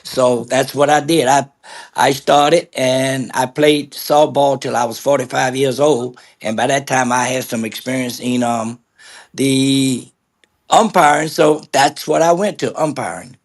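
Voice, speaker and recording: An older man, a veteran sports official, telling stories in an easygoing, halting way as an interview guest. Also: mid-range voice, fairly even intonation. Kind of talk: casual interview chat.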